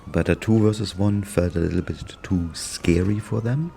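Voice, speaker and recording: Casual german-accented dude, mellow low voice, dry sarcastic play-by-play. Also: male voice, fairly even intonation, moderate pace, gravelly, slight background noise. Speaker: gaming YouTuber narrating gameplay. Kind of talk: casual gameplay commentary.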